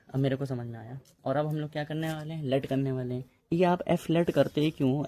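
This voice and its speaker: A man's voice: medium pitch, mellow. A man teaching a physics lesson in a casual, chatty way, often checking in with his students. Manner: chatty, addresses students as bhai, repeats ok.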